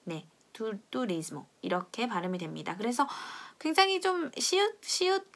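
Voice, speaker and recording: A young woman teaching pronunciation in a friendly video lesson, explaining patiently and drilling sounds slowly for viewers to repeat. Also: fairly high pitch, expressive, a bit bright. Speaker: language teacher.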